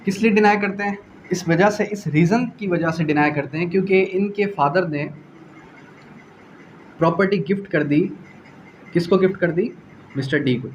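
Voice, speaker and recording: A man with a Pakistani accent delivers an explanatory law lecture in a didactic manner, his voice sitting high at a normal speed with frequent pauses. He repeats phrases, poses rhetorical questions and slips in English legal terms. The audio is dull and lo-fi with faint background noise.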